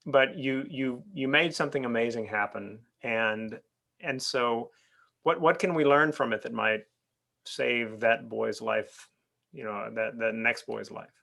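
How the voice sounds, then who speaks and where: A man's voice: mid-range voice, measured pace, gravelly, pushed and bright. A man asking a long, hesitant question at an online club meeting, restarting his words often.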